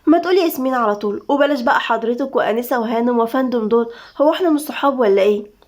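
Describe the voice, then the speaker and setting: A woman's voice: on the high side, rapid-fire, a little mellow, lightly acted. A woman voicing a playful, coaxing young woman, Egyptian accent. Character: playful wealthy young woman, bored and teasing.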